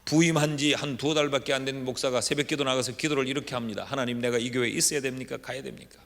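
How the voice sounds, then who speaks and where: A middle-aged man, a pastor, preaching a revival sermon with folksy storytelling that swings from hushed asides to shouted exhortation, in a large church sanctuary. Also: mid-range voice, steady tone, fast talker, gravelly. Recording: reverberant church hall with faint room noise.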